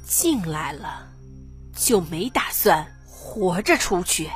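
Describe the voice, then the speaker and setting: A man's voice: high-pitched, very animated, a bit bright, husky, soft background music, voice pushed up, exaggerated voice. A man voicing a defiant captured woman commissar, speaking firmly and steadily in a storybook reading. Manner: firm, measured, unyielding.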